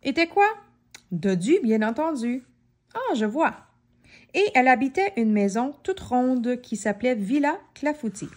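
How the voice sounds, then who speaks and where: A woman reading a children's storybook aloud in an expressive way, often asking questions of the child listening. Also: sits high, a little slow.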